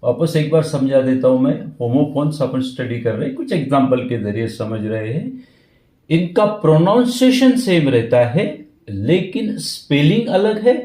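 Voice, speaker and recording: A man teaching English grammar, his voice dark and mellow with lively swings in pitch. He keeps repeating key words and checks in with the listener. The room sounds echoey around him. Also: measured pace. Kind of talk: grammar lesson explained in Hindi with English terms.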